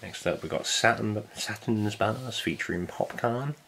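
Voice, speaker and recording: A man's voice: lowish voice, a little slow, creaky, fairly bright tone, slight background noise. A man chatting casually as he unboxes a vinyl set, laid-back and jokey, swearing now and then. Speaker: vinyl collector vlogger.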